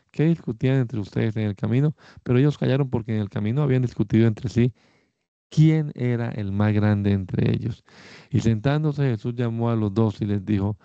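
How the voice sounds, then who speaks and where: A man reads scripture aloud in a warm, smooth voice. He keeps a measured, steady pace and raises his pitch slightly for quoted speech. The recording is dry and a little dull, with a slightly lo-fi sound. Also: dry recording. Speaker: Bible reader.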